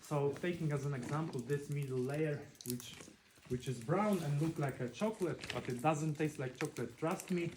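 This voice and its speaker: A man's voice: on the high side, normal speed, few pauses. A man who is a non-native English speaker, working as a cave tour guide and explaining things informally with dry joking asides. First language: not English. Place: inside a cave. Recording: noisy on-location recording with clicks.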